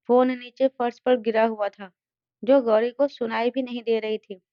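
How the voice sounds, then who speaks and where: A woman narrating a dramatic family story in a scripted reading style, voicing every character in the same steady voice. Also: on the high side, moderate pace, no echo, highs cut off.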